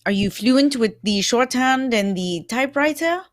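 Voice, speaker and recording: A woman's voice: on the high side, animated, normal speed, lightly acted. A woman playing a dapper, self-assured male detective in a put-on French accent, with formal, courtly phrasing, in a radio drama reading. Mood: courtly, amused. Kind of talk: live old-time radio drama reading.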